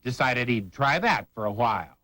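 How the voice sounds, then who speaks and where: A man's voice: mid-range voice, expressive, moderate pace, sharp tone, dry recording. A man narrating a feature report with wry, scripted delivery.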